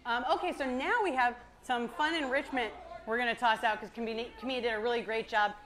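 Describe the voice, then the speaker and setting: A woman's voice: fairly high pitch, steady tone, fast talker, fairly bright tone. A cheery, enthusiastic woman working as a zookeeper, giving an educational talk to a live audience over a microphone. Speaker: zoo animal keeper and presenter. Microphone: worn or held presenter microphone. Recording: clear ambient noise behind voice.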